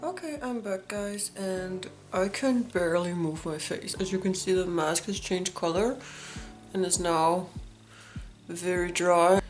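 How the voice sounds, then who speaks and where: A woman's voice: lowish voice, measured pace, soft background music. A young woman talking through a face mask around her mouth, chatting to viewers in a casual product demo. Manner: chatty, giggly, addresses viewers as guys. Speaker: beauty vlogger.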